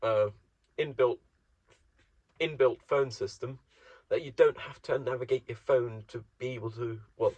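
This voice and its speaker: A man's voice: medium pitch, slightly rough, no echo. A man from Germany talking to himself in a rambling, wry, self-mocking solo monologue. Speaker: solo vlogger. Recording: dull, dry close recording.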